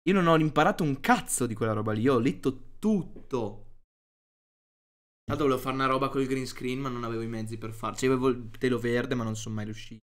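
A man's voice: mid-range voice, fast. A young man doing casual, profane, self-mocking stream commentary.

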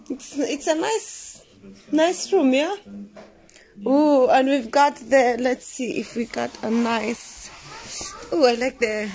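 A woman's voice: a little high, darkish tone. Chatty young woman vlogging on a phone. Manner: chatty, halting with restarts and fillers. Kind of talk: casual travel vlog. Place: inside a car, then a hotel room. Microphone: handheld phone camera.

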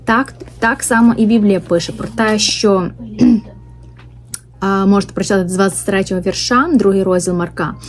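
A woman giving an informal Bible study talk, pausing often with fillers and tag questions and reading verses aloud slowly. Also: medium pitch. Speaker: Bible teacher.

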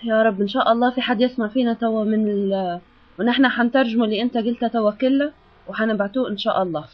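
A woman interviewing a caller, asking quick, soft questions. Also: on the high side, steady tone. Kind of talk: phone interview. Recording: muffled lo-fi phone line.

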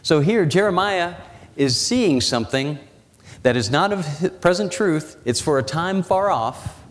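A man in his forties preaching a sermon in a church, walking the platform and slowing down, dropping his voice low for dramatic emphasis. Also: lively intonation. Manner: walks the platform, gesturing as he preaches. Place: church sanctuary. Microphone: lapel mic and pulpit mic. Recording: church hall reverb.

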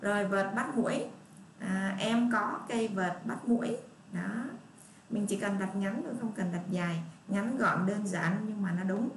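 A woman teacher leads young children through a reading lesson, slow and patient, saying each word again and again. Her voice sits a little away from the microphone. The room is echoey, with a faint hiss behind her. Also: mid-range voice, distant mic. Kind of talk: online first-grade lesson.

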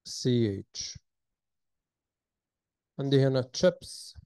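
A man's voice: mid-range voice, expressive, extremely slow, dark tone, clean tone, dry recording. A man with an Egyptian Arabic accent, teaching a recorded textbook lesson and spelling out sounds and words carefully. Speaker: English teacher.

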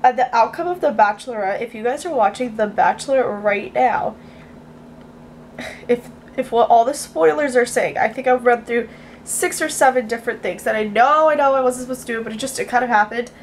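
High-voiced, excitable young woman vlogging. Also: a little fast, a little hiss or hum. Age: young adult. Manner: excitable, gushing, informal. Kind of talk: casual chatty vlog. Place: small bedroom indoors. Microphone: handheld camera at arm's length.

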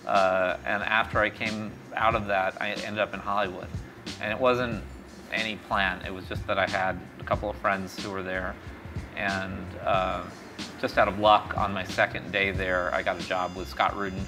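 Here a middle-aged founder and CEO of a startup, originally from Mexico but raised in East Texas, chats as an interview guest in a small café by a street window. He speaks at normal speed in a deep voice with little pitch movement, over music, rambling with plenty of fillers and restarts.

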